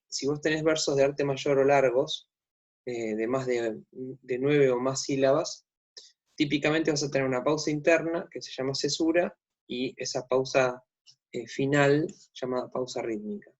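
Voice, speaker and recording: A man's voice: mid-range voice, measured pace, darkish tone. A man with an Argentine accent giving a recorded literature lecture, with many fillers and restarts. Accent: Argentine Spanish. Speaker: literature teacher. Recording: dull lo-fi sound.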